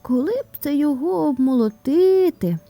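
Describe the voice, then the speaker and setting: A woman voicing two lazy, playful little mice with squeaky, childish voices in an audio fairy tale. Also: expressive, normal speed, mellow, faint music behind. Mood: carefree, whiny.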